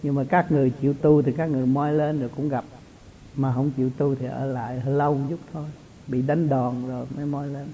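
A man's voice: mid-range voice, little pitch movement, fast, mellow, a little hiss or hum. A man, a spiritual teacher giving an informal, chatty talk to his followers and chuckling often. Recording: tinny lo-fi recording.

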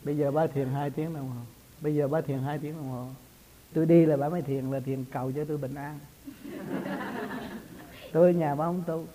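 A man's voice: fairly high pitch, flat delivery, a little fast, warm tone, rough recording. Chatty man, a spiritual teacher. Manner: chatty, laughs often, folksy storytelling. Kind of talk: casual religious talk.

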